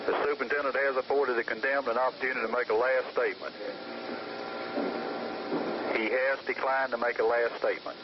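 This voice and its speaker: A man's voice: mid-range voice, fairly quick, pauses often. A man on an old archival recording, a prison official giving a formal, matter-of-fact step-by-step report over a line. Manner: steady, matter-of-fact, procedural. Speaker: prison official narrating an execution. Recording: muffled noisy old tape recording.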